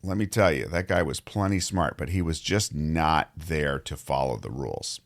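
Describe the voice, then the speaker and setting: A man in his fifties hosting a daily show, his voice hoarse, distorted and gravelly from a cold as he tells stories in a rambling, conversational way. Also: a bass voice, normal speed. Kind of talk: solo podcast monologue.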